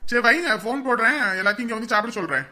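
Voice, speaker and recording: A woman voicing a gentle, doting husband in a TV serial, speaking reassuringly. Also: a little high, expressive, rapid-fire. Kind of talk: TV serial acting.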